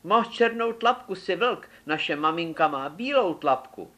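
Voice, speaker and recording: A man voicing a group of small, frightened goat kids in a storybook reading, speaking high and insistent. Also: lively intonation, pushed and bright.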